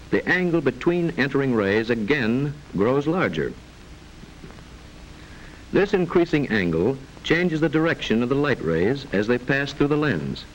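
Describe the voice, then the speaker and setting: A medium-pitched man narrates a mid-century educational film, formal, measured and didactic, with precise enunciation. The old film soundtrack is rough, with a little hiss or hum.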